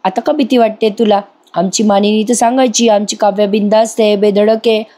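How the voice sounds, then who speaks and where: A scornful, scheming older woman from a TV serial, accusing and cutting, read by a woman narrator. The voice stays mellow and sits at a middle pitch. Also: fairly even intonation, a little fast, natural voice.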